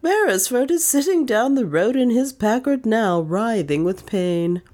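A woman's voice: on the high side, animated, unhurried, darkish tone, voice pushed up. A woman voicing a foppish young man about town who speaks in a light, careless, airy way. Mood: breezy.

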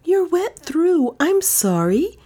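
A woman's voice: big pitch swings, a little slow, mellow. A woman playing a desperate, fiery young heroine. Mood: anxious. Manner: high, pleading and urgent.

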